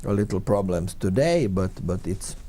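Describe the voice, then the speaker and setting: In a recording with a little hiss or hum, a middle-aged guest from Finland, a tourism consultant whose first language is Swedish, gives conversational interview answers in English. He stops and restarts often and repeats many words. His low, dark voice is expressive.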